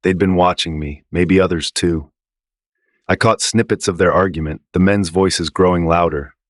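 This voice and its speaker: Man, very low voice, horror narration, dry close recording. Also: fairly even intonation, moderate pace, no room sound. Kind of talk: scripted first-person narration.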